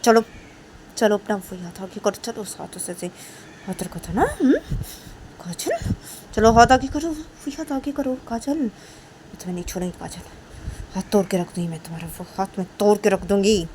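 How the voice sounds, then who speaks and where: A woman voicing an angry, jealous female teacher who scolds and threatens loudly, while telling a story. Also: medium pitch, expressive, moderate pace, slight background noise, natural voice. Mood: scolding. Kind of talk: storytelling role-play.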